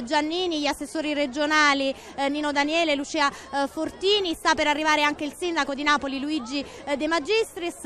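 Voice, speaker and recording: A woman field reporter giving a live outdoor news report in a crowded city square, talking quickly and upbeat with frequent filler sounds. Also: high voice, a bit bright. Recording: outdoor broadcast with crowd noise.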